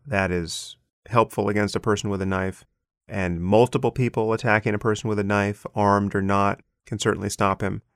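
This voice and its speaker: A man reading an essay aloud in a measured, deliberate way, stepping out now and then for brief spoken asides. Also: on the low side, creaky, dry recording, clean studio sound. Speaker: essay reader and commentator.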